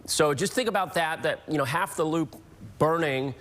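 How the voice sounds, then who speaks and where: A man's voice: a little high, normal speed, fairly bright tone, big-room sound. A man presenting the weather on a morning TV show, explaining and correcting himself as he goes. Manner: explanatory, self-correcting, light teasing. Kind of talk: weather report and chat. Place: TV studio.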